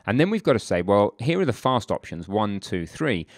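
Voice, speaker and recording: A man walks through a software tutorial in a relaxed, conversational way, breaking off for asides and correcting himself as he goes. His voice sits fairly low. The recording is dry and close, with no room sound. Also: normal speed, no room sound. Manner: informal, chatty, self-correcting asides. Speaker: game development instructor.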